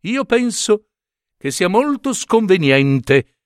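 A man's voice: high-pitched, very animated, slow, no room sound, studio quality, pitched above the performer's own voice, full character voice. A man voicing a pompous male kettle, the kitchen's singer, disapproving of a foreign bird.

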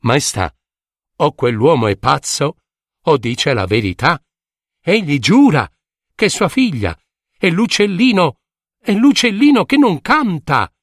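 A man's voice: fairly high pitch, big pitch swings, slow pace, no room sound, studio quality, exaggerated voice. A man voicing a palace jailer who reports to the king earnestly.

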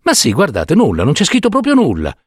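A man voicing a kind but firm young village doctor in a story reading, calm, soothing and a little brusque. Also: a little high, fairly quick, husky, no room sound, clean studio sound, pitched above the performer's own voice, exaggerated voice. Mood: bemused. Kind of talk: dramatic audiobook reading.

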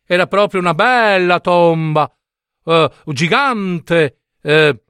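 A man's voice: on the high side, a bit bright, smooth, no echo, clean studio sound. A man reading a story aloud in a comic style, full of digressions, joking asides and self-corrections.

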